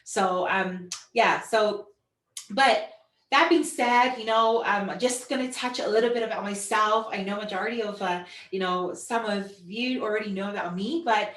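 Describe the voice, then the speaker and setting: A Samoan woman gives an informal online business presentation woven with personal stories, speaking haltingly and repetitively with lots of "you know." Her voice is medium-pitched with a fairly bright tone, recorded from a distant microphone in an echoey room.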